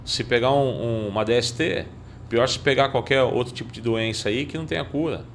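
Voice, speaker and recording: Quick, earnest man commenting. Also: mid-range voice, gravelly, a little hiss or hum. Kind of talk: casual podcast conversation.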